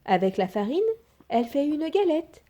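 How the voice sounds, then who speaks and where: A woman reading a children's fairy tale aloud in an expressive, sing-song storytelling manner. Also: sits high, moderate pace, muffled recording.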